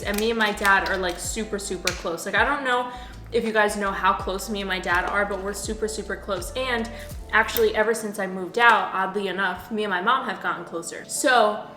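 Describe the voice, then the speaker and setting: A woman's voice: medium pitch, reverberant. A young woman from New Jersey, a couple vlogger, telling a story in casual chat, full of "like" fillers. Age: young adult. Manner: chatty, filler-heavy storytelling with many "like"s.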